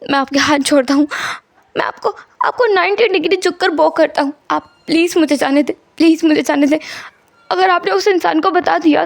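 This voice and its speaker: A woman's voice: vocal fry, no echo, clean studio sound. A woman voicing a desperate young man who pleads tearfully to be let out of a hospital, in a storytelling reading. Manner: pleading, tearful, high-strung.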